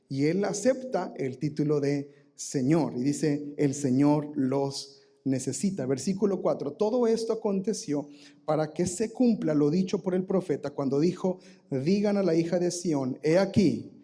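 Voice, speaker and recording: A man preaching a live sermon in church with a Mexican Spanish accent, leading the congregation to read aloud and shout the verses. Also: on the high side, moderate pace. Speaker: pastor. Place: church sanctuary.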